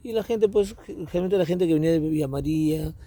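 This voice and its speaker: Fast-talking Peruvian man in his fifties. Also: on the high side. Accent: Peruvian Spanish. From Peru. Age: 50s. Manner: talkative. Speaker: local activist interviewee. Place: outdoors on a hillside neighborhood. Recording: noisy outdoor street recording.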